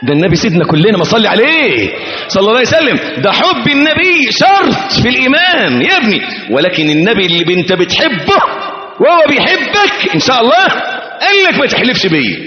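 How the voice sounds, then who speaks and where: A high-voiced man with an Egyptian accent delivers a lively sermon, his pitch leaping all over the place. He bursts into shouts, then drops to low murmured asides, and keeps asking his listeners questions that he answers himself. The sound is dull and lo-fi, with a long hall reverb. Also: quick pace. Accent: Egyptian Arabic. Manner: dramatic, swings between shouted exclamations and quiet low asides. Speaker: preacher.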